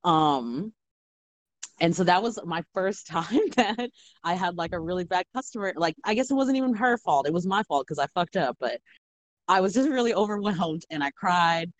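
A young woman, a bartender, telling stories in a casual, animated chat full of fillers. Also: on the low side, normal speed, no echo. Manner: animated storytelling with many fillers. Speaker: guest bartender.

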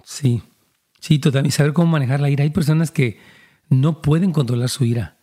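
A man's voice: a little high, a little fast, warm tone. A man, a pastor giving earnest counseling talk and speaking directly to listeners.

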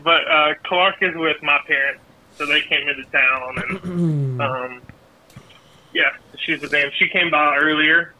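Casting note: young man calling in from a hospital, bright and tense tone, upbeat and a little scattered, on a phone line. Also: a little high, measured pace, a little hiss or hum. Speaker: caller. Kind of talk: casual phone chat. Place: hospital, walking outdoors. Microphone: earbuds on a phone call.

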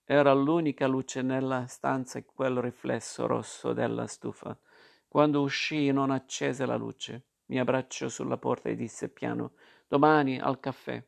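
Male audiobook narrator, mid-pitched, gravelly, even, unhurried literary reading.

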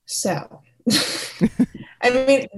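A woman co-hosting a podcast in casual chat, animated and amused, explaining her take at length. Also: a little high, extremely slow. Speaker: podcast co-host.

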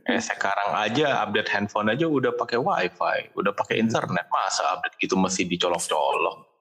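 A man's voice: lowish voice, expressive, brisk, bright, forceful tone. A man from Indonesia with a Jakarta accent, explaining himself in casual slangy chat mixed with English. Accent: Indonesian, Jakarta colloquial.

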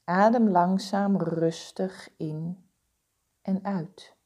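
This is a female meditation guide walking the listener through a body scan. Each direction comes out even and soothing, in a mellow, low-pitched voice at an unhurried, calm pace.

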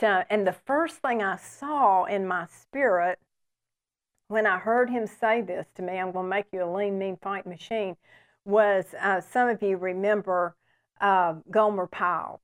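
A woman in her sixties teaching the Bible on a program, earnest and conversational, often pausing for an amen. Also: mid-range voice.

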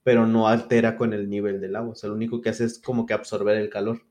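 A man's voice: on the low side, flat delivery, fast, darkish tone. A man with a Mexican accent and a congested, stuffy nose from a cold, co-hosting a casual podcast chat. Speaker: podcast co-host.

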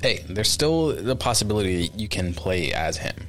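A man talking as a guest on a casual podcast, his voice on the low side. He sounds laid-back but eager, tossing in "bro" and "dude" as he chats. Faint music plays behind him. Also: sing-song, normal speed, a bit bright.

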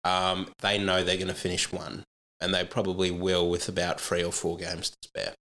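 A man's voice: sits low, completely flat delivery, normal speed, fairly bright tone. An Australian man, a podcast guest giving casual sports analysis in conversation.

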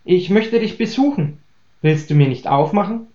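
A man's voice: sits high, expressive, normal speed, warm tone. A man reading aloud, voicing a lonely, curious young woman who stubbornly pleads to be let in. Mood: pleading. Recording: roomy, dull lo-fi recording.

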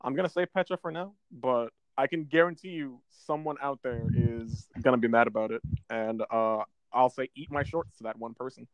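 A man's voice: mid-range voice, fairly even intonation, moderate pace, few pauses, dry recording, muffled recording. A man co-hosting a casual podcast about a video game, rambling and often stumbling over his words. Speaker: podcast co-host.

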